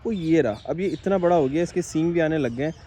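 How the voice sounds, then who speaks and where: A man vlogging at an outdoor zoo in a chatty, excitable way, talking to viewers and to the animals. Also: on the high side, fast talker. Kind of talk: casual vlog narration. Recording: noisy outdoor camera audio. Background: birds and animal calls.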